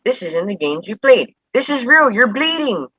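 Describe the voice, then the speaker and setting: An actor playing a worried, pleading grandson. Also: male voice, extremely high pitch, sing-song, normal speed, bright, forceful tone, husky, no echo, muffled recording, heavily acted. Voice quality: urgent, pleading. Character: worried young adult grandson, anxious and protective. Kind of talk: live-streamed stage play.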